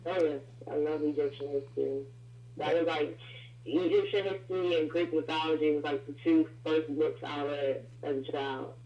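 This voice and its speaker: A woman's voice: sits low, fairly even intonation, normal speed. A woman calling in as a guest rapper, heard over a phone line with echo and feedback, talking in a loose, chatty way with lots of fillers. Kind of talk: casual call-in interview. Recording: echoey, dull phone line.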